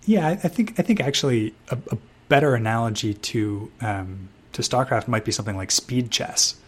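A podcast co-host with a mid-range, slightly rough voice talks at a moderate pace on a casual gaming show. He speaks hesitantly, often restarting and using fillers.

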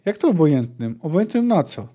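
A man's voice: sing-song, brisk, dark tone, breathy edge. Man doing a curious, stubborn young girl. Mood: indignant. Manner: reading a book's dialogue aloud, raised pitch for the girl.

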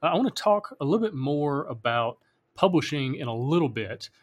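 A man's voice: a little high, very animated, brisk. A man hosting an interview, asking friendly questions in a casual style.

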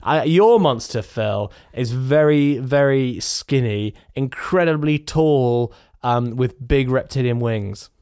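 A man's voice: medium pitch, takes it slowly, few pauses, darkish tone, smooth, no room sound, clean studio sound. A man co-hosting a podcast, teasing and laughing often in casual chat. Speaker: podcast co-host.

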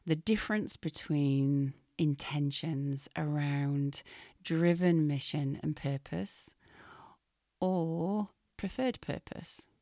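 A low-voiced woman speaks slowly and gently, her voice still recovering and now and then falling to a whisper. It sounds dry and close, with no room around it. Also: fairly even intonation, dry recording. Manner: soft, slow and gentle, drifting into whispers. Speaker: spiritual podcast host. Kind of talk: casual spiritual podcast talk.

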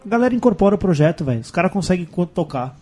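A man's voice: high voice, big pitch swings, racing, mellow, soft background music. A man with a Brazilian Portuguese accent, hosting a casual podcast chat in blunt, slangy talk. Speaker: podcast host.

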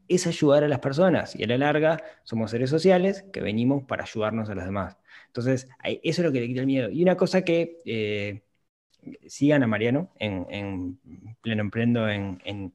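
A man's voice: a little high, darkish tone. A man hosting a podcast, talking thoughtfully in a casual conversation with frequent restarts. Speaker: podcast host, finance author.

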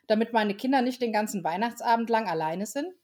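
A woman's voice: fairly high pitch, lively intonation, fairly quick, darkish tone. A woman reading the part of a playful, friendly male Father Christmas in a storybook. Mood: cheerful.

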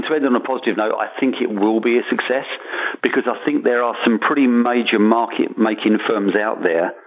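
A man who writes a markets column, talking through an issue in casual podcast chat, hesitant and full of restarts. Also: lowish voice. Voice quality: hesitant, many restarts and fillers. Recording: phone-like narrow sound.

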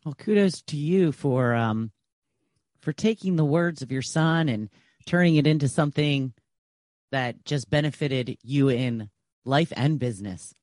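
A man's voice: medium pitch, a little slow, a little mellow, no room sound. A man hosting an interview podcast, giving brief, encouraging reactions and prompts. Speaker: podcast host.

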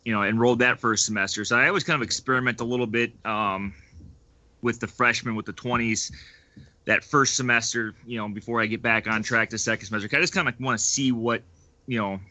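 Man, very bright forceful voice, casual coach, fillers, dry close recording. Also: medium pitch, fast, no echo. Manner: relaxed, hedging with fillers. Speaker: strength coach, panel guest. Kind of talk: casual panel discussion.

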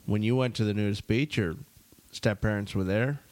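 A man co-hosting a radio show, talking off the cuff in a halting way and repeating words as he goes. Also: lowish voice, darkish tone, no room sound. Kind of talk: unscripted radio talk and promotion.

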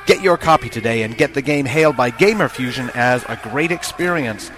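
A man's voice: medium pitch, expressive, brisk, over music. A man reads a scripted hard-sell promotional advert as an announcer, urging listeners to buy.

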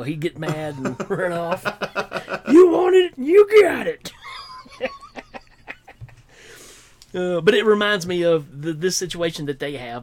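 A middle-aged man chatting casually as a podcast co-host, animated and quick to laugh. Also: fairly high pitch. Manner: animated, laughing, shouts out quoted lines. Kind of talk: casual chat.

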